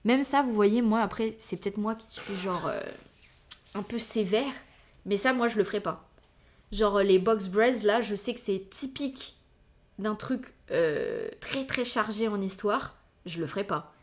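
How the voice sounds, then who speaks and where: A woman's voice: medium pitch, big pitch swings, a little slow. A woman hosting a solo podcast in casual chat, thinking aloud with lots of fillers and slangy tags, hesitant but opinionated. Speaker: podcast host.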